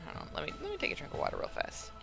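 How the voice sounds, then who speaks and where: Talking very fast over music, a young woman streams her knitting from home by herself, rambling in a chatty way full of fillers and laughs. Hours without speaking have left her crafting-streamer voice gravelly and a little hoarse.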